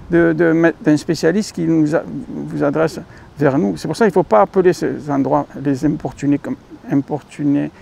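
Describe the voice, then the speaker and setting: A man speaking with a French accent, his voice high for a man and gravelly with fry. He rambles through a casual vlog monologue, stumbling over fillers and correcting himself as he talks to his viewers. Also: a little mellow. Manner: rambling, many fillers and self-corrections, addresses viewers as dear friends. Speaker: YouTube channel host.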